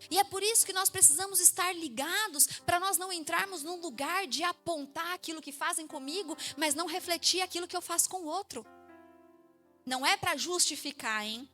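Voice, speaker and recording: A woman in her thirties with a Brazilian Portuguese accent, a pastor preaching a sermon in a church, telling stories with lively acted-out voices. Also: very high-pitched, fairly quick, faint music behind. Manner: lively storytelling, acts out quoted voices.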